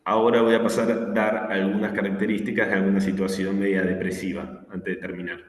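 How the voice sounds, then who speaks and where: Rioplatense male teacher, low register, anecdotal lecturing; roomy long-reverb space. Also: level tone, fairly quick. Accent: Rioplatense Spanish. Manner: anecdotal, with acted quotes and fillers. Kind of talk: online class lecture. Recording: echoey room with long reverb.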